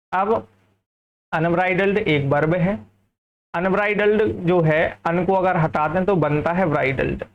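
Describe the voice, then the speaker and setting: A man from India teaching a lively English vocabulary lesson, often checking whether the class has understood. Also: fairly high pitch, muffled recording.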